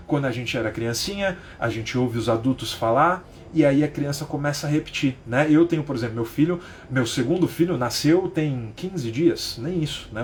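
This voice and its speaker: A man's voice: medium pitch, a little hiss or hum. A man in his thirties from Brazil, teaching a live-streamed lesson from home in a chatty way, explaining through rhetorical questions and constant tag questions. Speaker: English teacher.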